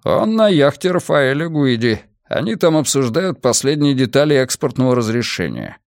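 A composed police commissioner explains things patiently and steadily, his voice only lightly raised above the narration and moving with lively intonation, as a male narrator puts him on. The sound is dry and close to the mic. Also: medium pitch, normal speed, no echo, pitched above the performer's own voice. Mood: calm. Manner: calm and explaining. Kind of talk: audiobook character voice.

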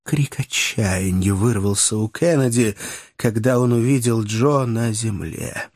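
A man reading an adventure story aloud as its narrator, in a measured storytelling manner. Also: fairly low pitch, darkish tone, dry recording, clean studio sound. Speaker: audiobook narrator. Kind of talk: scripted narration.

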